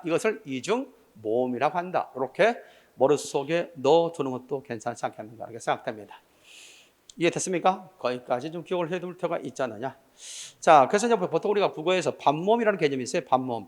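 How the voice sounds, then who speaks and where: Animated Korean exam lecturer, man. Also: on the high side. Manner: lively, quizzes students with rhetorical questions, mixes formal and casual speech. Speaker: civil service exam Korean language lecturer. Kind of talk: classroom lecture. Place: lecture room with blackboard.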